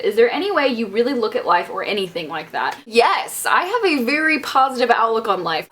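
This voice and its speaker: A woman's voice: mid-range voice, fairly bright tone. Bubbly chatty young woman vlogger. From Southern US. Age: young adult. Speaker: beauty vlogger. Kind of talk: casual Q&A vlog.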